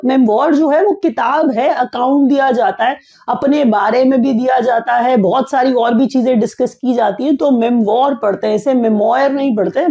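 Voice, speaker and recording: A woman with a warm, somewhat high voice teaches an exam-prep lesson conversationally. She restates each point, repeating as she explains, and asks the listener questions. The audio has its highs cut off.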